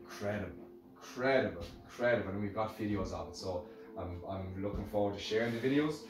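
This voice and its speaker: A man's voice: on the low side, quick pace. A middle-aged man with an Irish accent giving a casual, rambling motivational talk to camera, repeating phrases for emphasis. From Ireland. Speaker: musical instrument maker sharing lessons learnt. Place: hard-surfaced workshop room, indoors. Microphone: camera a few metres away. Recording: very echoey room, distant microphone, music.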